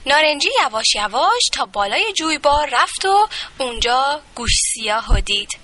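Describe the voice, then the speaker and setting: Bright high-voiced woman reading a children's story. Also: sing-song, slight background noise.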